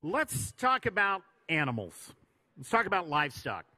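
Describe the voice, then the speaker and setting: A man with an American accent hosting a live ceremony, introducing honorees in a formal, measured build-up. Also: sits high, very animated, sharp tone, no echo. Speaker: ceremony host.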